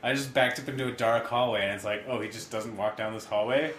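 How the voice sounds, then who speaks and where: A man's voice: mid-range voice, fairly even intonation, quick pace, fairly bright tone. A man playing a horror game on a podcast, talking casually and wryly, jumpy and self-mocking. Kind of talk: casual let's-play commentary. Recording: echoey room with background noise.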